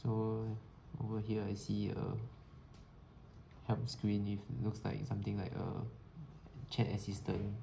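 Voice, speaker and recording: A man's voice: on the low side, little pitch movement, slow pace, creaky, pauses often, dark tone. A man thinking aloud as a test participant, hesitantly narrating his steps as he tries out an app. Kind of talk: thinking aloud while trying an app prototype. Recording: noisy room recording.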